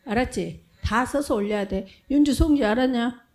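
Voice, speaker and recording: Animated, mellow-voiced woman preacher. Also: a little high, normal speed. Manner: animated, asks questions and answers herself, drops into whispers. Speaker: children's ministry preacher. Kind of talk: lively sermon with acted-out voices.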